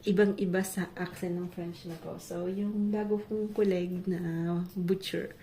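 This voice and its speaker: A woman's voice: lowish voice, level tone, unhurried, slight background noise. A woman from the Philippines chatting casually while she cooks for her vlog, often laughing as she tells stories. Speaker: vlogger. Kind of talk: casual cooking vlog chat. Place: home kitchen. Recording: echoey kitchen with loud clatter.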